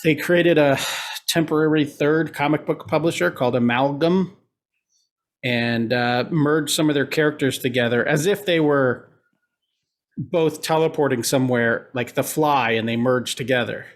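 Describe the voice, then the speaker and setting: A man with a nasal voice co-hosting a casual podcast, relaxed and chatty with lots of fillers. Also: on the high side, moderate pace. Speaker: podcast co-host.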